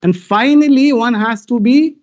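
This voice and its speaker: A man's voice: extremely high pitch, normal speed, dull audio. A man with an Indian English accent gives a spiritual lecture on yoga to a live audience. He mixes Hindi and English and keeps asking the listeners questions.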